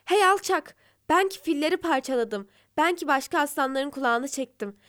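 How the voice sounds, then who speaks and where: A woman's voice: high voice, expressive, moderate pace. A woman voicing a furious, boastful male lion king in a storybook fable. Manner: roaring, boastful.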